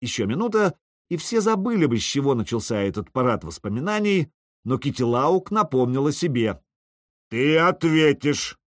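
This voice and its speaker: A man reads a first-person story with dry irony, his intonation rising and falling in lively sweeps. The sound is close and completely dry, with no room around it. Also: medium pitch, fairly quick, dry recording. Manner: wry, ironic. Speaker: audiobook narrator. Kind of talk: first-person audiobook narration.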